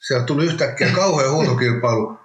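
A man, a former hockey player, talking casually in an interview with many restarts. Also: mid-range voice. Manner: rambling, halting, with many restarts. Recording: roomy echo.

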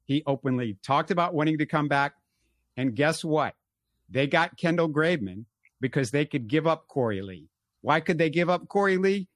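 A man hosting a casual sports talk show, animated and full of fillers. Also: fairly high pitch, moderate pace, dry recording. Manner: animated, talks in bursts with fillers. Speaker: podcast host.

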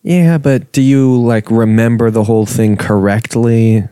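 A man's voice: mid-range voice, fairly even intonation, measured pace, dark tone, clear, resonant tone, dry recording. A young man co-hosting a casual podcast, laid-back and rambling, who swears casually. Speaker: podcast co-host.

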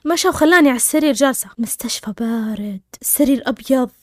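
A woman's voice: sits high, no echo, clean studio sound. A woman telling an intense personal story, quoting people as she goes. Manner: rapid, intense retelling full of quoted dialogue. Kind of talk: emotional first-person storytelling.

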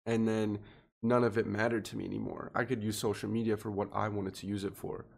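A man's voice: fairly low pitch, little pitch movement, fairly quick, gravelly. A man in his twenties, a podcast guest, talking earnestly and reflectively in casual chat. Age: 20s. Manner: earnest and reflective, thinking aloud.

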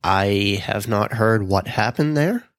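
In a dry, studio-quality recording, a man with a lowish voice speaks slowly on his solo podcast. Slightly congested from a cold, he stays relaxed and casual, dropping plenty of ums and uhs while reading meeting notes aloud.

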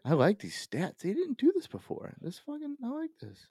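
A man co-hosting a casual podcast, rambling and swearing with lots of fillers, excitable. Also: very high voice, moderate pace, breathy edge, no echo, studio quality. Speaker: podcast co-host.

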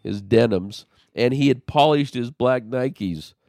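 A man's voice: mid-range voice, slow, vocal fry, dry recording, studio quality. A man hosting a conversation, telling a personal story with animation and acting out what people said. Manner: animated storyteller, acts out quotes.

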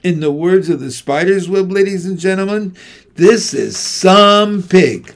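Fairground loudspeaker man, booming and pompous, fairly high voice, as read by a male narrator. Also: animated, slow, full character voice. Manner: grand, formal, booming.

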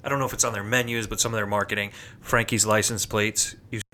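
Easygoing man, lowish voice. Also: steady tone, fast, sharp tone, slight background noise. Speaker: podcast co-host. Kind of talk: casual chat.

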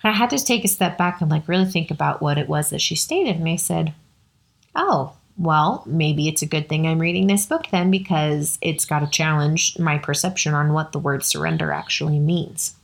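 A woman's voice: sits low, moderate pace, vocal fry. A woman hosting a podcast, telling a personal story in an earnest, conversational way with many fillers. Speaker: podcast host.

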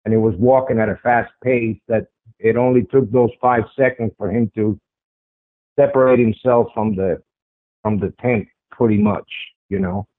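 An interview guest recounts a personal sighting in a strong voice on the low side, steady in tone and at normal speed. He speaks conversationally in the first person and often repeats phrases for emphasis. The tinny, phone-like radio line carries no echo.

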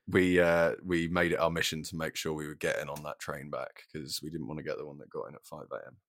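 A man's voice: rumbling low, little pitch movement, fairly quick, fairly bright tone. A man co-hosting a casual podcast, teasing his friend and telling stories in a playful, rambling way. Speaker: podcast co-host. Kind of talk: casual chat.

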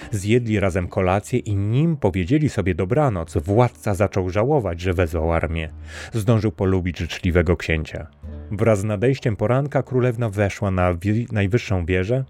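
A man narrating a fairy tale in a measured, steady storybook reading. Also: low voice. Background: faint music.

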